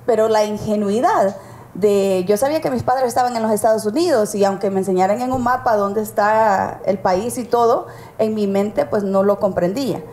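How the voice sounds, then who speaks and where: A woman's voice: mid-range voice, moderate pace, darkish tone. A middle-aged woman from El Salvador with a Salvadoran accent, recalling her childhood in a casual interview. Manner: storytelling, reflective. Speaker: guest author. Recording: roomy with faint noise.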